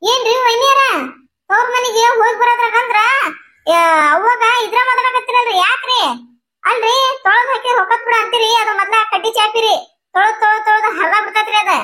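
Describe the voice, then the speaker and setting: A woman's voice: extremely high pitch, steady tone, a little fast, bright, forceful tone. A woman voicing a cheeky, gossipy young sister-in-law in a cartoon, taunting in a North Karnataka Kannada accent. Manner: teasing, taunting.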